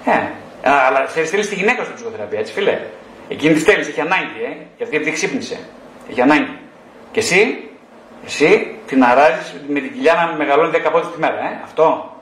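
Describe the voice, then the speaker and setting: A man's voice: fairly high pitch, animated, fairly bright tone, echoey room, slight background noise, rough recording. A middle-aged man, a psychotherapist speaking to a group, blunt and mockingly scolding, firing rhetorical questions straight at his listeners. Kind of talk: talk to a group.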